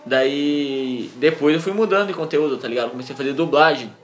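A man's voice: on the high side, a little fast. A young man with a Brazilian Portuguese accent chatting casually in slangy street talk full of filler words. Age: young adult. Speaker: small online video creator. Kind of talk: casual chat.

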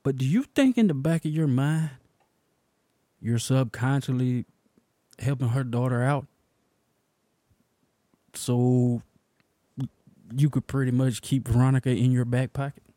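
A man's voice: medium pitch, a little slow, long pauses, mellow, no room sound. A young man co-hosting a casual podcast, ranting bluntly, swearing and laughing often. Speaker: podcast co-host.

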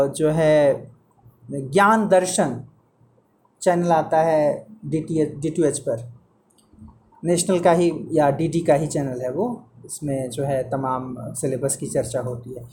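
A man's voice: on the high side, slow, darkish tone, slight background noise. A man teaching Hindi pronunciation to a student one-on-one, patiently repeating sounds and correcting mistakes.

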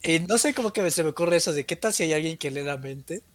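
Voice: medium pitch, lively intonation, fast, no echo. A podcast co-host with a Mexican Spanish accent, chatting casually and playfully. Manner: playful, laughs often. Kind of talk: casual chat.

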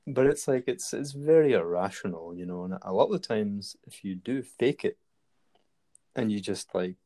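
Rambling man, fairly low voice. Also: animated, normal speed, dark tone. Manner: rambling, many fillers and restarts. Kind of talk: casual conversation.

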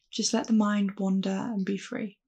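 A woman guides listeners through a calm grounding exercise in mindfulness. Her voice is husky, with plenty of creak at a medium pitch. She instructs gently and reassuringly, as a meditation guide. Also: moderate pace.

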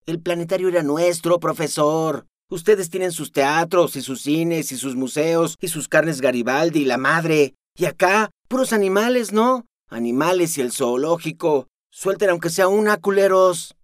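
A man's voice: on the high side, dry recording, studio quality, voice pushed up, lightly acted. A man reading an audiobook and voicing a furious, foul-mouthed young man from the streets. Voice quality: shouting, cursing, rapid bursts.

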